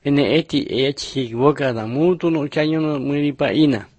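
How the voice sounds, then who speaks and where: A man narrating numbered Bible picture lessons in a steady, measured reading style. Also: fairly high pitch, husky, dry recording. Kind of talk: scripted religious narration.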